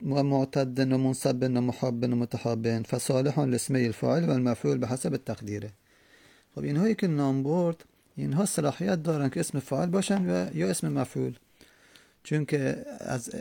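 A man teaching Arabic grammar, reading a text and slowly repeating word forms aloud. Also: medium pitch, creaky, warm tone, no room sound. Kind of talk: classroom lesson with text reading.

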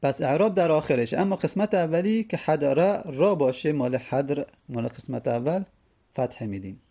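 A man teaching a grammar lesson, explaining patiently and repeating each example slowly. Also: fairly high pitch, animated, warm tone.

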